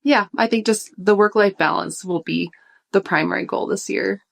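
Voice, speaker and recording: A woman's voice: mid-range voice, moderate pace, vocal fry. A young woman, a food blogger, answering interview questions in casual chat, a little out of breath. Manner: relaxed, thoughtful, many fillers. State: slightly out of breath.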